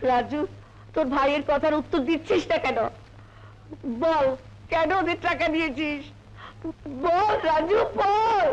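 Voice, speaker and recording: A woman's voice: high-pitched, measured pace, pauses often, muffled recording, slight background noise. An actress playing a village mother in a melodramatic film, scolding one son and soothing the other. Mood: reproachful. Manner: reproachful, then tender and soothing. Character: a stern but loving village mother. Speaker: mother of the brothers.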